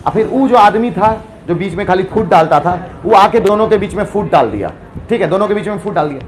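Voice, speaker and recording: High-voiced playful teacher. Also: male voice, animated, brisk. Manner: playful, storytelling, quizzes students. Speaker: chemistry teacher. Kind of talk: classroom lecture. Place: classroom.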